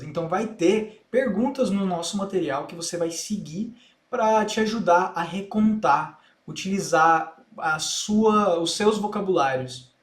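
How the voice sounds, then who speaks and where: Male Brazilian English teacher, patient step-by-step explainer, somewhat high pitch, echoey room. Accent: Brazilian Portuguese. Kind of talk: explanatory online lesson.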